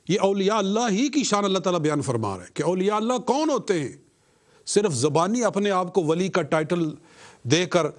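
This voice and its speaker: Earnest higher-pitched male religious debater. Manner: chants Arabic verses, then explains each in earnest measured speech; addresses an opponent directly, argumentative. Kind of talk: religious debate, reciting and explaining verses.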